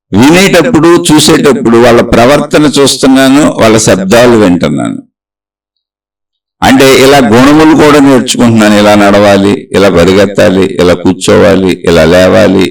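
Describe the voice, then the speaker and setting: Gravelly man giving a spiritual talk. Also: medium pitch, distant mic, low-quality recording. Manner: slow, reflective, listing examples. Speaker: spiritual teacher. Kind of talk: spiritual discourse.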